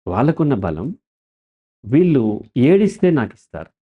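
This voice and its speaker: A medium-pitched man speaks at a moderate pace with a breathy edge, heard over phone-quality sound. In this interview he's the counselor guest, lively and explanatory, regularly posing questions that he then answers.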